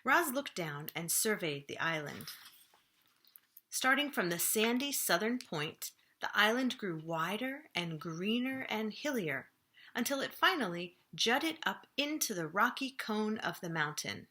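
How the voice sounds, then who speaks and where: Very animated and pitched in the middle range, a woman reads a children's storybook the way a librarian would. Dramatic pauses and slower, whispered-sounding phrases heighten the suspense.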